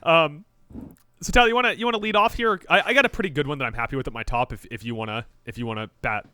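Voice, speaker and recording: A man's voice: fairly high pitch, very fast, clear, resonant tone, dry recording. A man co-hosting a sports podcast in casual, joking chat, often restarting his sentences. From Japan. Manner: animated, joking, trails off in restarts. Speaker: podcast co-host.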